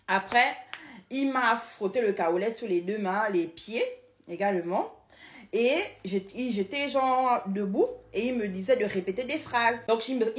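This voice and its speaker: A young woman with a Cameroonian French accent, casually recounting her own experience, repeating words and restarting often. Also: mid-range voice. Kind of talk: casual personal testimony. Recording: roomy echoing room sound.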